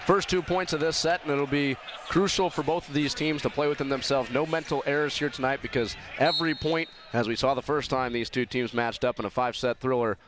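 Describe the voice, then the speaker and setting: An American man does live colour commentary on a volleyball match in an indoor arena, breaking down plays and stressing key words. His mid-range voice is steady, brisk and fairly bright. The gym noise and bouncing balls come through clearly in the recording.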